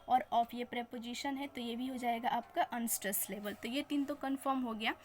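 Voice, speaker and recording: High-voiced woman teaching poetry scanning. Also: a little hiss or hum. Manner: explains step by step, asks and answers her own questions; mixes Hindi and English freely. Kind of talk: exam-prep lesson on scanning poetry.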